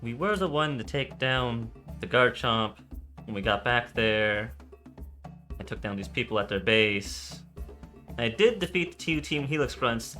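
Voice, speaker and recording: A man playing a tabletop game, rambling and breaking off into excitable bursts. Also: medium pitch, unhurried, faint music behind. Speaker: player. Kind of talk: casual chat while playing a tabletop game.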